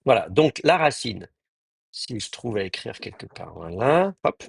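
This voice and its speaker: Man, Hebrew teacher, online lecture, halting with fillers, husky, dry close sound. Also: on the low side, sing-song, no echo. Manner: halting, many fillers and restarts, spells out Hebrew words slowly.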